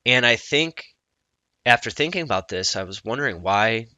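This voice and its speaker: A man speaking as a coach in a personal vlog, earnest and reflective, often halting mid-thought. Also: mid-range voice, lively intonation, pushed and bright, no echo, lo-fi sound.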